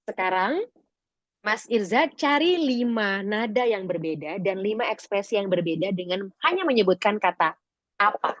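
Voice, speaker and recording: A woman public speaking trainer leading a webinar lesson, expressive and lively as she demonstrates techniques. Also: mid-range voice, moderate pace, no echo. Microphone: video call. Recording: dull lo-fi video call audio.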